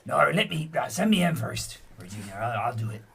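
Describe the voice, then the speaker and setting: A man's voice: medium pitch, very animated, brisk, gravelly, a bit bright. Man doing a stammering pirate blowhard. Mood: nervous bravado.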